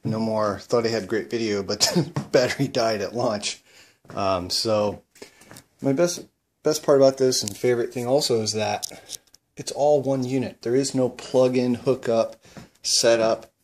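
In an unhurried, mid-range voice, a paraglider casually presents his homemade equipment from inside his house. His explanation is straightforward and matter-of-fact.

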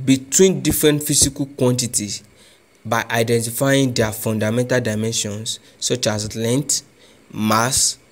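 Deliberate Nigerian man teaching physics. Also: mid-range voice. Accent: Nigerian English. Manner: deliberate, repeats key phrases; frequent "so" as a connector. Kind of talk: classroom lesson.

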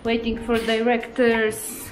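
Woman, playful, joking, slow pace, slightly high voice. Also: completely flat delivery, faint music behind. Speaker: crew member. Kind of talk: casual chat. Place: abandoned building with graffiti, indoors.

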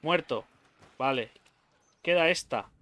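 Animated young man with a Spain Spanish accent. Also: on the high side, takes it slowly, a little hiss or hum. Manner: swears freely, yelps in fright. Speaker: gaming YouTuber. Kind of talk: let's play commentary.

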